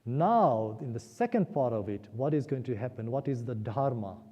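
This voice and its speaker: A man's voice: medium pitch, expressive, moderate pace, dark tone. A man giving an earnest spiritual discourse at a temple, telling a story and having listeners repeat key words aloud. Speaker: guest speaker at a temple. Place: temple hall. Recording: dull lo-fi audio in a reverberant hall.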